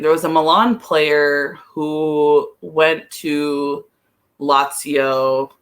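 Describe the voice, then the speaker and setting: A casual soccer chat comes from a podcast analyst with a mid-range, fairly bright voice. Their manner is hesitant, reasoning aloud with frequent use of "like."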